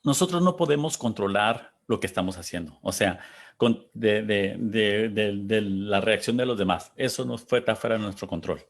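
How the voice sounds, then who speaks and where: A man interpreting an interview aloud, halting and searching for words as he goes. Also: fairly low pitch, lively intonation.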